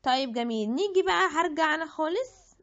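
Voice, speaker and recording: A woman's voice: sits high, animated, brisk, fairly bright tone. A woman with an Egyptian Arabic accent giving a chatty app tutorial, thinking aloud and restarting her words. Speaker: tutorial presenter. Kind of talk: screen-recorded app tutorial. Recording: dull lo-fi audio.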